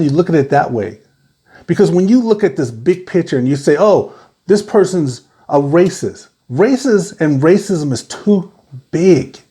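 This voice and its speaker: A man's voice: fairly high pitch, warm tone. A man hosting his own video, talking straight to the camera and giving advice, asking rhetorical questions and repeating his key points. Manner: asks many rhetorical questions. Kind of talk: direct-to-camera talk.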